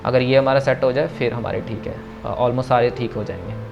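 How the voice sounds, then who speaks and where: A man's voice: medium pitch, vocal fry, highs cut off, soft background music. Patient man teaching verse pronunciation. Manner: patient, repeats corrections, chants verses slowly. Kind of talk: online class explanation. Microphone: video call.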